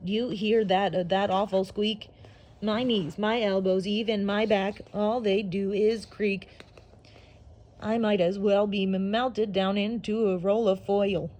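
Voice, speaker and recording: A woman's voice: mid-range voice, steady tone, a little slow, darkish tone, natural voice. A woman voicing a rusty, glum robot who stammers as she speaks. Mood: gloomy. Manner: stammering, creaky complaints. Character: creaky sad robot.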